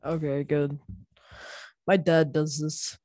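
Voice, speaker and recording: A woman's voice: low voice, level tone, slow, warm tone, no room sound, clean studio sound. A woman co-hosting a casual podcast, talking from under a blanket at home, blunt and jokey. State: recording under a blanket, muffled and dry. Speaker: podcast co-host. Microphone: home microphone under a blanket.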